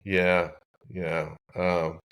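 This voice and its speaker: A golf club designer in his sixties, appearing as a podcast guest, tells a long, rambling anecdote full of restarts. His low voice is flat and very slow, a bit bright and clean in tone, in this conversational storytelling.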